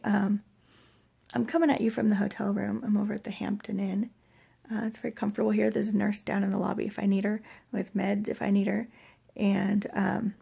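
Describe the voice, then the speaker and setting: An American woman in middle age with a husky, breathy, gravelly voice, weak and achy after surgery, rambling hesitantly in a casual personal vlog. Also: medium pitch, a little mellow. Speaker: vlogger sharing surgery recovery. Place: hotel room.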